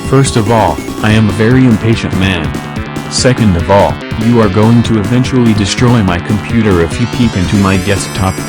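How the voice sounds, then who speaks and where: A man's voice: on the low side, moderate pace, music in the background, lightly acted. A man playing a stubborn, mocking computer user. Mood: defiant. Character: defiant impatient man fighting a virus. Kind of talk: comedic skit voice acting.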